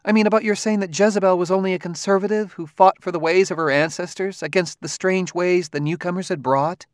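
A man's voice: high-pitched, steady tone, fairly quick, dry recording, studio quality, pitched above the performer's own voice, natural voice. A man voicing a rambling anxious wife. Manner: rambling, circuitous, raised voice. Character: anxious chatty middle-aged wife. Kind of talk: audiobook reading.

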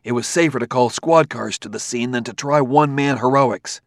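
A man's voice: medium pitch, moderate pace, no echo, clean studio sound, close to an everyday voice. A man doing a curt, irritable detective. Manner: curt, forceful. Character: irritable weary male detective.

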